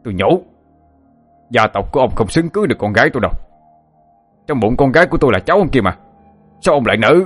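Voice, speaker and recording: An enraged middle-aged father in an audio story, firing off indignant words in a low voice, as a man puts him on. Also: big pitch swings, breathy edge, faint music behind. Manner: fast, indignant shouting.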